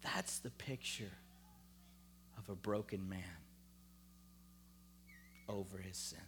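A pastor preaches slowly with fairly even intonation, emphatic and rhetorical as he calls on the congregation, then drops to a hushed voice to read scripture. A little hiss or hum sits under the recording.

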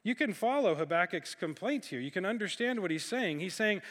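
A man with a high-pitched voice gives a sermon as a guest speaker. He reads scripture slowly and then explains it in plain, conversational talk. His voice rings out in a large hall with a long reverb. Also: animated, a bit bright. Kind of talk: sermon teaching.

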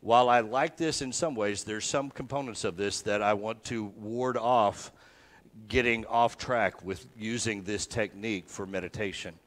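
A male pastor giving a sermon, reading verses slowly and repeating them with soft, falling emphasis, then talking plainly to the congregation. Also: lowish voice. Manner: slow repetitive scripture recitation, dropping soft; conversational teaching with sudden emphatic rises.

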